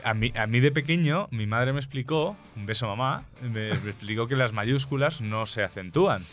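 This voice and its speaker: A man's voice: medium pitch, lively intonation, moderate pace, fairly bright tone, soft background music. A man hosting a podcast, chatting casually in a joking, self-mocking, rambling way. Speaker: podcast host.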